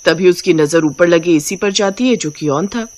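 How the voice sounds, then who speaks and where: A woman's voice: fairly low pitch, normal speed, darkish tone, slight background noise. Brief: woman narrator, comic storybook, teasing asides. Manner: chatty, mocking asides.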